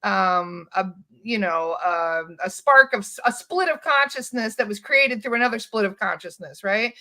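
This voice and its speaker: A woman hypnotist and spirit release practitioner talking casually in an interview, telling animated stories, acting out quotes and swearing casually. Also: mid-range voice, normal speed.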